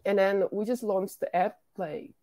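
A woman's voice: mid-range voice, fairly even intonation, normal speed, warm tone. A woman, a programmer and founder, talking casually as an interview guest, with lots of restarts and "like". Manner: chatty, frequent "like" and restarts.

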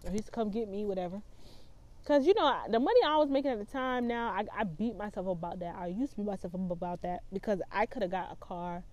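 A woman's voice: mid-range voice, lively intonation, quick pace, a little mellow. A woman in her twenties telling a personal story in a vlog, talking in a blunt, profane and emphatic way. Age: 20s. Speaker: vlogger.

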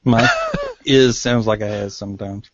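A man's voice: fairly low pitch, fairly even intonation, a little slow, muffled recording. A man with an Appalachian hillbilly accent, chatting casually as co-host of a podcast. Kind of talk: casual cigar talk.

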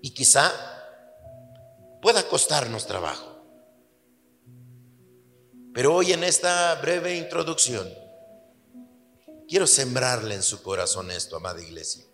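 Slow, bright-voiced pastor preaching. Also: male voice. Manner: earnest, drops low for emphasis, then lively storytelling. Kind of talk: sermon. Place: church hall. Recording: reverberant church hall with soft music.

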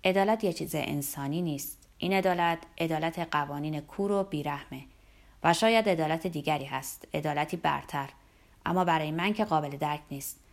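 A woman's voice: low voice, gravelly, voice pushed down. A woman voicing a firm, reflective male doctor.

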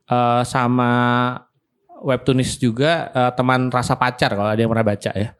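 A man's voice: medium pitch, fairly even intonation, moderate pace, clean tone. A man talking casually as a podcast guest, congested with a cold and nasal, as if his nose were pinched. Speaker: podcast guest, comics industry practitioner. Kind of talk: casual interview talk.

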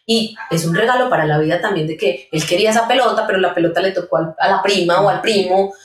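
A woman, a pedagogue guest giving calm, step-by-step parenting advice in conversation. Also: mid-range voice, fast. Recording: roomy sound, mic at a distance.

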